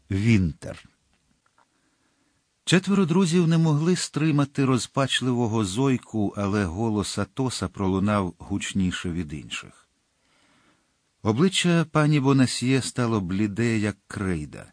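A man narrating a classic adventure novel as an audiobook, with a measured, dramatic reading. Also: lowish voice, expressive, no room sound, studio quality.

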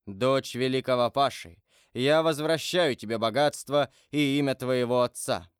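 A male narrator plays a grave, brooding nobleman in an audiobook, solemn and measured. His voice is smooth and clear, recorded close and dry. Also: mid-range voice, no room sound, lightly acted. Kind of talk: audiobook character voice.

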